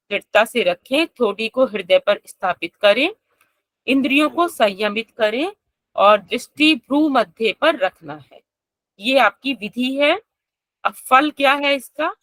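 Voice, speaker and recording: A woman teaching an online yoga class, explaining step by step, chanting verses slowly and asking her students questions. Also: fairly high pitch, pushed and bright, dry recording.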